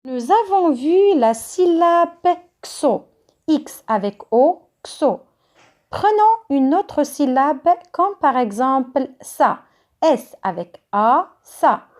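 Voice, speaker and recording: A woman's voice: high-pitched, big pitch swings, slow pace, darkish tone. A woman teaching a phonics reading lesson to young children, spelling letters and syllables out carefully, with a Moroccan French accent. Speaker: kindergarten teacher.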